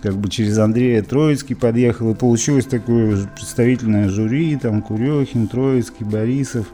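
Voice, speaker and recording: A man's voice: medium pitch, normal speed, dark tone. A man from Izhevsk, Russia, a musician being interviewed, talking in a rambling way with many fillers and restarts. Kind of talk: casual interview reminiscing.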